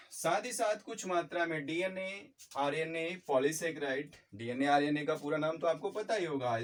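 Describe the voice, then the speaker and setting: Fast-talking male biology teacher. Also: on the high side, distant mic. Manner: quick, repetitive explanations mixing in English terms. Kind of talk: fast-paced biology lecture.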